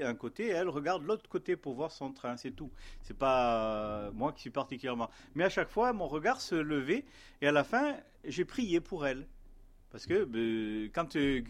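A man tells a personal faith story in a loose, conversational way. He pauses often and fills gaps with hesitations. Toward the end he turns earnest and gently exhorting. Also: medium pitch. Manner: rambling, many hesitations and fillers. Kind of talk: casual spoken testimony.

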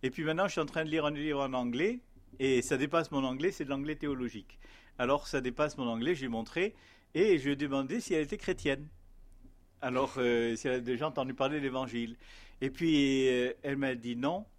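Hesitant man telling a testimony. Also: mid-range voice. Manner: rambling, many hesitations and fillers; earnest, gently exhorting at the end. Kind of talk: casual spoken testimony.

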